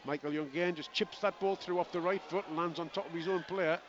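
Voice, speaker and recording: A man giving live play-by-play radio commentary on a rugby match, with rapid running calls and chatty asides to his co-commentator. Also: a little high, fairly even intonation. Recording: lo-fi broadcast with outdoor crowd noise.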